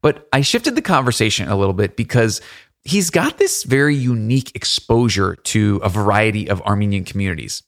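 A man's voice: lowish voice, lively intonation, a little fast, fairly bright tone. A man with a nasal voice, hosting an interview, asking curious questions and adding his own voice-over narration. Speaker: podcast host, interviewer.

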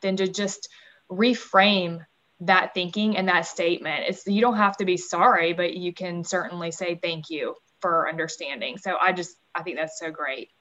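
A woman's voice: lowish voice, steady tone, normal speed. A woman hosting a parenting podcast, affirming her guest with lots of fillers. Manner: warm, affirming interviewer with many fillers. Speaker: podcast host. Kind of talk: casual interview talk.

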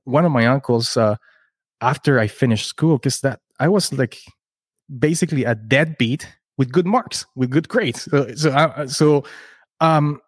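A man's voice: medium pitch, no room sound, studio quality. Man telling his story. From Chile. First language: Spanish. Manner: earnest, rambling, often restarts words. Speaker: podcast guest, entrepreneur. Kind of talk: casual interview storytelling.

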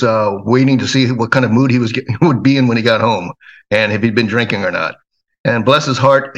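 A middle-aged man from Hawaii speaks as a podcast guest. His voice sits in an ordinary middle range. He tells his story casually, wandering through it with fillers and small chuckles. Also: mid-range voice. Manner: relaxed, rambling, with frequent fillers and chuckles. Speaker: guest, self-defense trainer.

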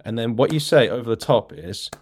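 A man's voice: medium pitch, animated, brisk, a little mellow, a little hiss or hum. A man, a music teacher and podcast host, explaining rhythm games in a chatty way. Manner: chatty, explanatory, claps and taps examples. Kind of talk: casual teaching talk.

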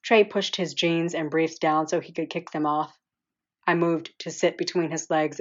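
A woman with a deep voice narrates an audiobook in the first person. Her reading is soft, intimate and measured. The recording sounds a little dull and lo-fi.

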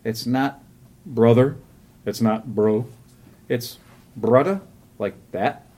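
A man's voice: mid-range voice, slow, a little mellow. A man co-hosting a casual podcast, telling a profane travel story and laughing often. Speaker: podcast co-host. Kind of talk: casual chat.

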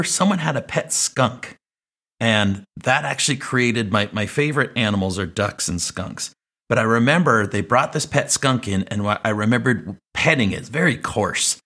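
A man in his late forties hosts his own podcast, reminiscing in a reflective, meandering way. His voice sits somewhat low, and he doubles back with restarts and side comments as memories surface. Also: fairly bright tone. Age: 40s. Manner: reflective, rambling with restarts and asides. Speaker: podcast host. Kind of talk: personal storytelling monologue.

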